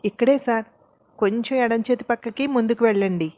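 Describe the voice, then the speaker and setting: A woman's voice: a little high, fairly quick, a little mellow, dry recording, lightly acted. Woman voicing a sly chatty servant woman. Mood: coaxing.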